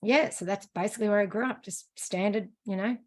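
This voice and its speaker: An Australian woman, a running coach, talking as a guest in a relaxed, self-deprecating way. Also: mid-range voice, fairly quick. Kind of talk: casual interview chat.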